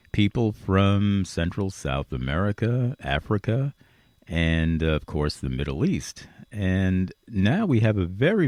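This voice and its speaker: A man hosting a radio interview show talks in a low, somewhat mellow voice, earnest and conversational, with emphatic repetition. What comes across is a rambling, upbeat monologue, captured without echo.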